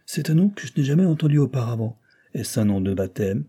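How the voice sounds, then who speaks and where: A man reading the part of a smooth, insolent aristocratic captain in a storybook reading, in a suave, mocking manner. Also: medium pitch, lively intonation, fairly quick, mellow, voice pushed up.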